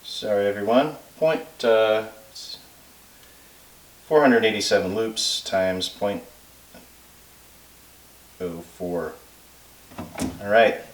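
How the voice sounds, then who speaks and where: A man giving an informal technical explanation, working through figures aloud in a halting, self-checking way. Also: lowish voice. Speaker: instructor. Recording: roomy echo, distant microphone.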